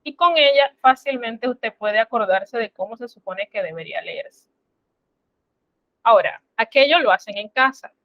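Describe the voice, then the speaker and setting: A woman's voice: fairly high pitch, animated, dry recording, highs cut off. A woman teaching a French class online, explaining step by step in a patient, instructive way. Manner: slow, patient, instructive, addresses students formally.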